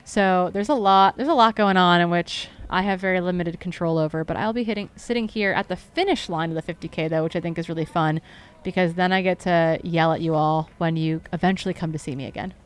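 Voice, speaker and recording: A woman's voice: lowish voice, brisk, clear, resonant tone. A woman commentating a live trail race, chatty and upbeat, often correcting herself.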